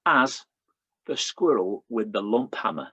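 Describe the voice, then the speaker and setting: A middle-aged poet from Lancashire, England, reads his poems in a Lancashire English accent, with conversational asides and fillers introducing each one. His lowish voice is a bit bright with a breathy edge, a little slow but lively in intonation. The recording is dry and muffled.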